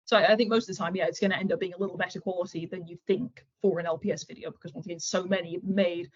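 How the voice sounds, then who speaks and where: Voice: mid-range voice, fairly even intonation, very fast, dull audio. Frank, self-assured creator in their twenties. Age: 20s. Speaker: series creator interviewed as guest. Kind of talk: casual interview answers.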